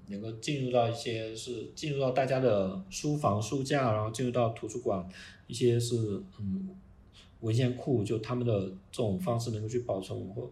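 A man who runs an art organization, talking in a casual podcast and pausing often to restart his thoughts. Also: fairly low pitch, warm tone. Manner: halting, many restarts and fillers. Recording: roomy with faint noise.

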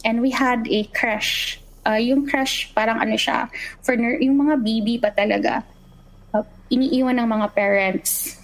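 A woman's voice: a little high, measured pace, rough recording. A young woman from the Philippines telling a true horror story in a casual way, acting out what the children said. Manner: animated, acts out what the children said. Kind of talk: casual storytelling, mixing Tagalog and English.

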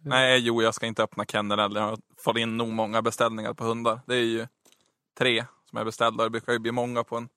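A man chatting casually on a podcast, delivering dry, deadpan jokes. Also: medium pitch, clear, resonant tone, dry recording. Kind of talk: casual chat.

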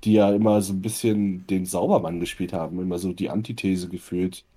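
A man's voice: low voice, flat delivery, brisk, dark tone, breathy edge. Blunt, opinionated man on a podcast. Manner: blunt, opinionated, swears freely. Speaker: podcast co-host. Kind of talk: casual podcast chat.

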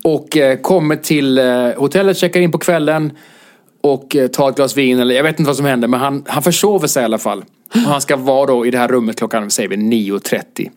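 A man from Sweden co-hosting a podcast in casual chat, telling anecdotes and acting out the voices of the people in them, often laughing. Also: mid-range voice. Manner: animated storyteller who acts out quoted voices and laughs often. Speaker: podcast co-host.

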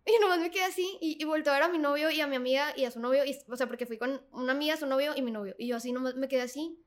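A young woman telling a story as an interview guest, animated, laughing often and full of fillers. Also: sits high, very fast. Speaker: guest singer. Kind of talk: casual storytelling.

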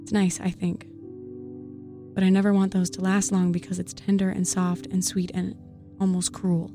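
A woman giving an earnest spoken-word poetry reading in a soft, intimate voice. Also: lowish voice, monotone, moderate pace. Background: faint background music.

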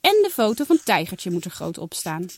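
A woman voicing a kind but firm mother in a read-aloud storybook, speaking calmly and warmly to her daughters. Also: fairly low pitch, brisk, no room sound, full character voice. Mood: motherly.

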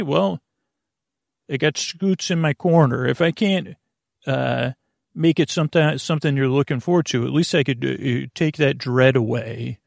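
A man hosts a sleep podcast, his mid-range voice creaky as he rambles through bedtime talk in a meandering, earnest way, constantly correcting himself. The studio-quality recording has no echo.

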